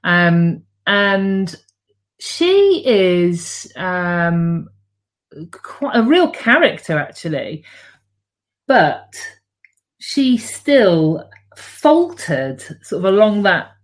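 Slow, hesitant woman book coach. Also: on the low side, very animated. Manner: hesitant, many fillers and restarts. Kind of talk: casual interview chat.

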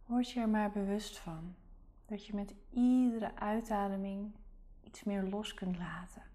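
A woman guiding a relaxation meditation in a soft, calm, soothing whisper. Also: mid-range voice, unhurried. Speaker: meditation guide.

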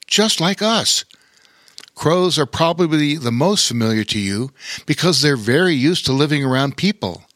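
A man doing a kindly slow bear king. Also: mid-range voice, a bit bright, no echo, studio quality.

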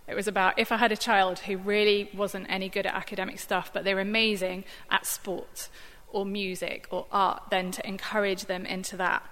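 A woman with a bright, clear voice gives a gentle Bible reflection in a relaxed, conversational way, pausing often to find her words. Her voice rings out with a long hall reverb around it. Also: medium pitch. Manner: conversational, thoughtful, many fillers. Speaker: church staff member giving a Bible reflection. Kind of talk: informal sermon reflection.

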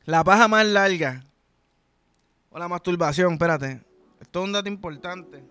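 A man's voice: sits high, normal speed, pushed and bright, smooth, soft background music. A young man with a Puerto Rican accent, hosting a podcast in a crude, rambling comedic monologue full of slang. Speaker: podcast host.

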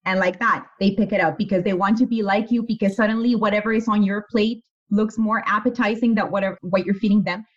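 A woman's voice: medium pitch, quick pace, few pauses. A woman in her forties, guest in a casual interview, telling stories candidly and with energy, and swearing freely. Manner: candid, animated storyteller who swears freely. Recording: muffled lo-fi audio.

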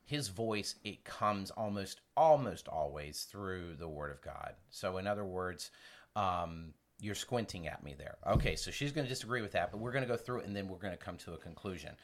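Low-voiced man teaching about faith. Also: lively intonation. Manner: earnest, with halting restarts and acted-out examples. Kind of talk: conversational Bible teaching.

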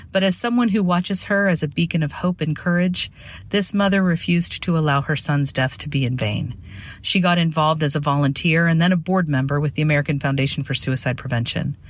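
A woman gives a presentation on suicide prevention, reading from prepared material in an earnest, measured manner. Her voice is low-pitched.

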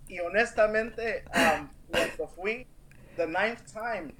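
Earnest man, higher voice, unhurried. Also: a bit bright. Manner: earnest, emphatic, stumbling restarts. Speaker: interview guest, real estate agent. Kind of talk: personal storytelling in a podcast interview.

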